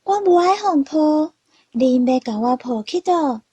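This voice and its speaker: A woman's voice: on the high side, slow, mellow, husky, no room sound, muffled recording. A woman voicing an outspoken young male leopard cat in a storybook tale, earnest and pleading. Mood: protesting. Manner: earnest, pleading, speech-making.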